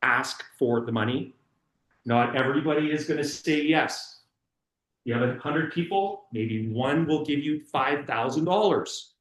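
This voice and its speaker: A middle-aged man leads a workshop in an energetic, emphatic voice that sits a little high for a man. He repeats words and leans on fillers as he talks. The sound is roomy and echoey. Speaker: workshop instructor. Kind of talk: public speaking workshop talk.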